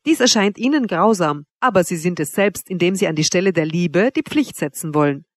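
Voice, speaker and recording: A woman's voice: lowish voice, animated, fairly quick, dry recording. A woman reading an audiobook, voicing a haughty young noblewoman who teases her suitor with cool mockery. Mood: cold. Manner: teasing, coolly mocking. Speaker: princess Wanda.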